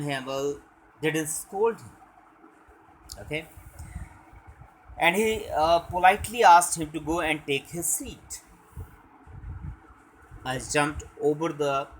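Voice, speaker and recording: A young man teaching, reading a story aloud and then explaining it line by line, with halting explanations full of fillers. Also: fairly high pitch, a bit bright, slight background noise, poor audio.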